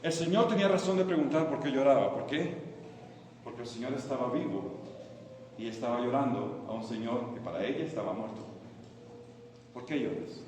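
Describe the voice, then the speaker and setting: A man preaching a sermon, dropping to soft low phrases and rising to loud impassioned peaks. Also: fairly quick. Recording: echoey hall, distant mic, faint ambient noise.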